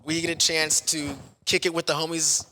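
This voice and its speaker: Long reverb surrounds an American man with a bright, forceful, fairly high voice. He talks casually as an interview guest, with an effusive, self-deprecating manner, like a stadium hype man off duty. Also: little pitch movement, normal speed, slight background noise. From Kansas City, United States. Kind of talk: casual chat.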